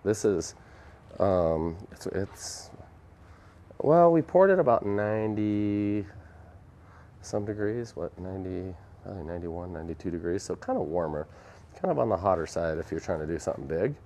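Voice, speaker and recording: A man's voice: deep voice, animated, moderate pace, mellow, a little hiss or hum. A young man chatting casually and self-deprecatingly with viewers while demonstrating epoxy on a live stream in a workshop. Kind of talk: casual live demo chat. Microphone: phone camera.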